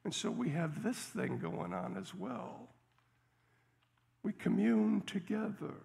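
A male pastor preaching a sermon and telling a story with lively emphasis. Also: high-pitched, slow, gravelly.

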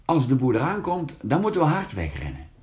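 A man's voice: medium pitch, huge pitch swings, a little fast, a little mellow, voice pushed up. A man voicing a boastful, teasing older brother while reading a children's story aloud.

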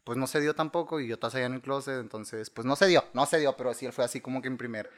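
A man's voice: mid-range voice, very fast. A young man with a Mexican accent, chatting casually, full of slang and swearing, laughing often. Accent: Mexican Spanish. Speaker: guest. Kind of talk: casual chat.

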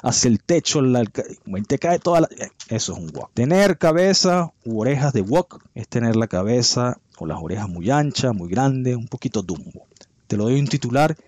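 A man hosts a word-of-the-week segment, his pitch swinging widely as he quizzes his listeners in a playful, chatty way. His delivery is relaxed, and he stretches out and spells the words of the week. The recording is dry and close, with no room sound. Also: normal speed, no room sound. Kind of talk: lively casual commentary.

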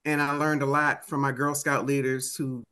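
Bright, forceful woman with a DC accent. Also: extremely low pitch, flat delivery, normal speed. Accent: Washington DC. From United States, Washington DC area. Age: 50s. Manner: acts out remembered dialogue. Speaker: interview guest, author and motivational speaker. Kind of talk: animated conversational storytelling.

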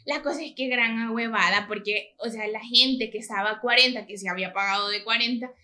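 A woman's voice: a little high, fairly quick. A young woman with a Salvadoran accent chatting on a podcast, telling a story and acting out the voices of people in it. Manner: lively storyteller who acts out quoted voices. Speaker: podcast co-host. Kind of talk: casual chat.

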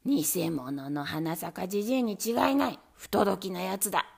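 A woman playing a booming, haughty old lord. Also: very animated, takes it slowly, gravelly, a little mellow, slightly rough, heavily acted. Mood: angry. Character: pompous old male feudal lord on horseback.

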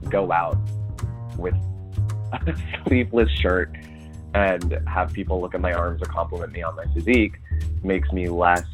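A man with a low voice leaves a casual voicemail. He talks candidly and laughs lightly now and then. Faint music plays underneath. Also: fairly even intonation, unhurried, pauses often, rough recording. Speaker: caller.

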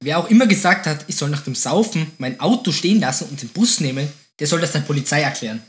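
A man's voice: fairly high pitch, animated, quick pace. A young man co-hosting a casual joke podcast, chatty and a little hesitant. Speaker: podcast co-host. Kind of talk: casual joke-telling chat.

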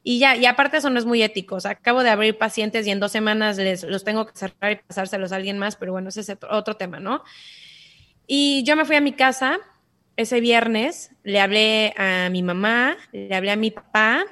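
A woman with a Mexican accent telling a personal story in an interview, animated and acting out voices. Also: medium pitch, brisk. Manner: animated, acts out quoted voices. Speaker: guest.

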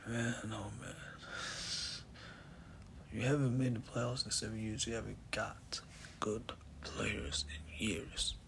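A man's voice: fairly low pitch, flat delivery, slow, creaky, long pauses, a bit bright, slight background noise. A man hosting a casual sports talk show, rambling and repeating himself, sounding exasperated and often calling the listener "bro.". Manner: rambling, repetitive, exasperated, says "bro" a lot.

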